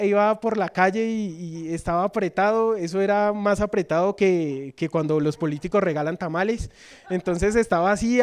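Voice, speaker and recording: A man's voice: high voice, clean tone. A man preaching a sermon in church, reading scripture and putting questions to the congregation. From Colombia. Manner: asks the congregation questions, reads scripture, shifts between loud and soft.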